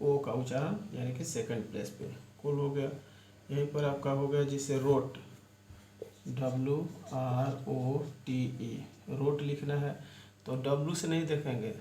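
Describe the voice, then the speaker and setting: A man's voice: medium pitch, warm tone. A man teaching a shorthand lesson online, explaining step by step and spelling words out letter by letter. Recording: echoey room with faint ambient noise.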